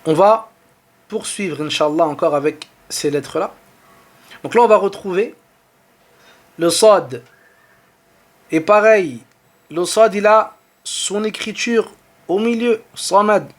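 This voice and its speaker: A man with a high, light voice and a French accent teaches the Arabic alphabet. He talks patiently, sounds out each letter and vowel slowly, and circles back to repeat them. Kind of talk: online lesson.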